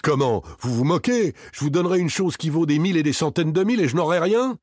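Brief: male reader playing a cornered servant in an audiobook, high stammering whine, husky, wildly swinging pitch. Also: expressive, brisk, a little mellow, no echo, clean studio sound. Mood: desperate. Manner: stammering, whiny, protesting shrilly. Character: frightened shifty male servant accused of murder.

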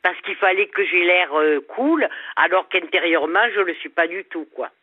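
A woman's voice: on the low side, dry recording. Older Southern French woman on the phone. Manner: hesitant, repeats words, halting. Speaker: caller. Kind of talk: radio call-in. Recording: phone line.

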